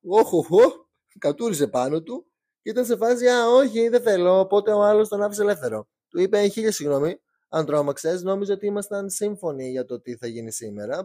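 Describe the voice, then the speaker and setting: A young man narrates a true crime case in a loose, chatty way, slipping in slangy jokes as he goes. His voice is mellow and lively in pitch, recorded close and dry. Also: dry recording. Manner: chatty, joking asides, slangy. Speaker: true crime podcast host. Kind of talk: casual storytelling narration.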